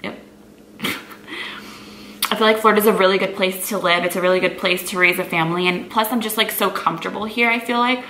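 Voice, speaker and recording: In an echoey room with faint background noise, a native Portuguese speaker from Brazil in her twenties answers questions casually to camera, an easygoing lifestyle vlogger who leans heavily on "like." Her medium-pitched voice stays fairly even in intonation, a bit fast, pushed, and bright.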